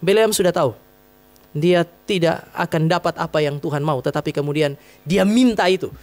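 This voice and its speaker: A man's voice: on the high side, normal speed. A man preaching a sermon as pastor, conversational and humorous, acting out quotes as he tells stories. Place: church hall.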